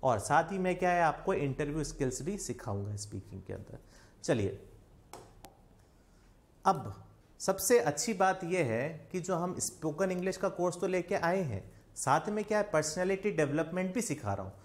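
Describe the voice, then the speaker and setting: A man's voice: on the high side, very animated, normal speed. A young man from India with an Indian accent, teaching an online spoken English lesson and quizzing viewers with repeated questions.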